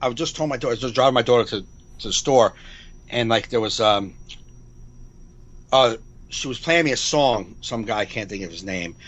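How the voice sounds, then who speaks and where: A man's voice: medium pitch, fairly quick, pauses often, a bit bright, muffled recording. A man in his forties, a comedian co-hosting a podcast, rambling in casual chat over a video call, repeating himself and swearing freely. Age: 40s.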